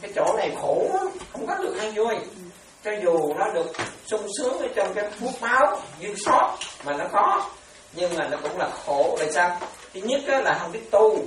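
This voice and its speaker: A man, a monk, giving a chatty, animated dharma sermon full of stories and repetitions. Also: sits high, normal speed. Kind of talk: sermon with storytelling. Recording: echoey, distant mic, faint noise.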